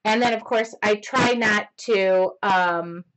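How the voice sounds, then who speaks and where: A woman hosting a live-streamed mixed media painting lesson, chatty and excitable, rambling and often talking loudly. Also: mid-range voice, takes it slowly, rough recording. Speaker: mixed media art instructor.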